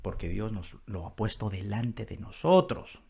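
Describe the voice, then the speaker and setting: A man's voice: sing-song, unhurried, vocal fry, warm tone, husky. A man preaching a Bible-study sermon as pastor, speaking emphatically and addressing listeners directly as beloved brothers. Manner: emphatic preaching, rising on scripture commands and dropping low on asides.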